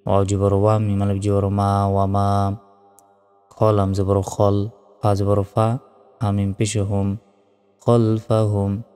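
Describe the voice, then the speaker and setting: A man teaching Quran reading, spelling out the Arabic letters and vowel marks one by one and chanting each verse in a slow, drawn-out way. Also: on the low side, monotone, dark tone, clear, resonant tone. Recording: long reverb, faint music.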